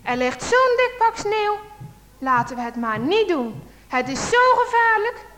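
A woman voicing a kind, careful father who gently reassures his son in a children's storybook reading. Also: very high-pitched, big pitch swings, a little slow, pitched above the performer's own voice, exaggerated voice. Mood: gentle. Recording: long hall reverb.

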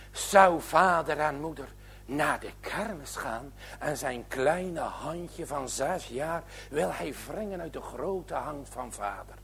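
Man reading a bible kids story, slow and dramatic, husky voice. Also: fairly high pitch, fairly bright tone.

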